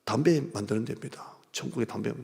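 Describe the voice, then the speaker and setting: A middle-aged man from South Korea preaching a revival sermon, swinging from loud appeals to hushed whispers. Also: mid-range voice, quick pace, vocal fry, slightly rough. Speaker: pastor. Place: large church sanctuary. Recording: long church hall reverb.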